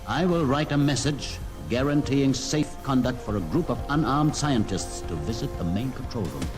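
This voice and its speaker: An actor playing a grave, bitter mutant outcast leader in old-time radio drama, with solemn and deliberate theatrical delivery. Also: male voice, mid-range voice, expressive, lightly acted. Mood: measured, wary. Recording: old radio broadcast with music over it.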